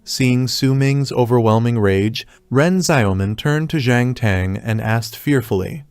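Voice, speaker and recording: A man narrating a scripted story recap in an even, steady way. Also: medium pitch, a little slow, clean tone, no room sound.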